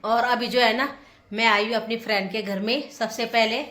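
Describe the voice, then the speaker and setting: A woman's voice: fairly high pitch, steady tone, normal speed, a bit bright. A woman vlogging casually on a handheld phone, chatty and laughing often as she visits old friends. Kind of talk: casual vlog narration. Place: walking around a neighbourhood, indoors and out.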